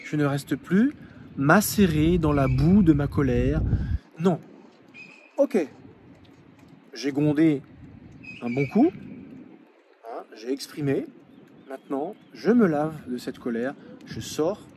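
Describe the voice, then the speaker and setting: A man's voice: fairly high pitch, lively intonation, slow, long pauses, darkish tone, a little hiss or hum. A man coaching the viewer directly, earnest and repeating key phrases for emphasis. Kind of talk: advice monologue to the viewer.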